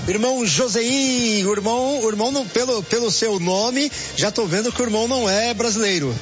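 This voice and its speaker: A man's voice: sits high, brisk. A man hosting a church radio program, fervent and preacherly as he invites a guest to testify. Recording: dull radio broadcast with faint music.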